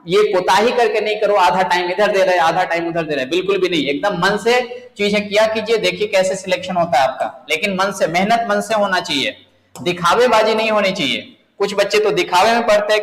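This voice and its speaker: A man's voice: high-pitched, fairly bright tone. A man teaching number series for bank exams, working through each step and asking his students questions. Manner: explains step by step, asks the students questions, addresses them as children. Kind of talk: exam coaching lesson. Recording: echoey room, long reverb.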